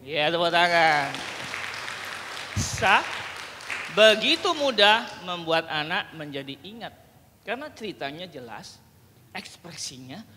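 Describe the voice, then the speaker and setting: A man teaching a public speaking workshop on telling stories to children, talking in an animated, playful way and breaking into acted storytelling. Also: a little high. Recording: long hall reverb, faint room noise.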